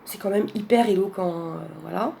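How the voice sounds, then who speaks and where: Mellow-voiced chatty woman vlogger. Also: medium pitch, moderate pace, vocal fry, slight background noise. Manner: chatty, many fillers, laughs often. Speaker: vlogger presenting a card deck. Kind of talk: casual chat.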